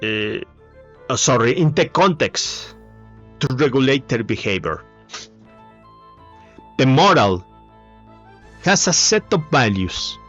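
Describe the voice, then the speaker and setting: Spanish-accented man, second-language English, slow and halting with lots of "uh", solo talk on a dull lo-fi mic over faint music. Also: mid-range voice, big pitch swings, a bit bright. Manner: halting, many fillers and restarts. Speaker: video essayist. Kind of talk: casual monologue.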